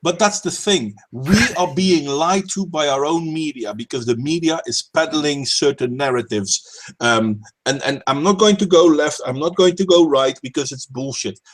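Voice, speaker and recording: A man hosts a casual stream chat about politics, speaking emphatically, swearing and repeating words as he starts sentences. His voice is on the high side, at a moderate pace.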